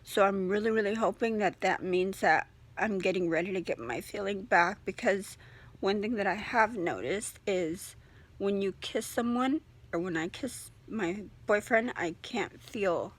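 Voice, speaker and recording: A woman's voice: mid-range voice, expressive, a little slow, husky. Young woman doing a casual vlog update, talking kinda stiff with a sore jaw, mouth not opening much. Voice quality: slightly impeded speech from a sore, stiff jaw that barely opens. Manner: talks with a sore jaw, mouth held fairly closed. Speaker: vlogger giving a surgery recovery update. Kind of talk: casual video diary chat.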